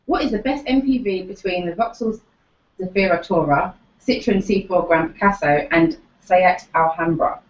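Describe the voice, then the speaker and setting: A woman's voice: lowish voice, normal speed. A British woman, a producer informally reading out questions sent in by viewers. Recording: roomy, slightly dull off-camera sound.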